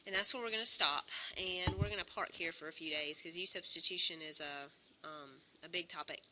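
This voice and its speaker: A woman teaching a calculus lesson, slightly hoarse and clearing her throat, talking through each step aloud and correcting herself as she goes. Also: fairly low pitch, fairly quick, noisy background. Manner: talks through steps aloud, self-correcting. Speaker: math teacher.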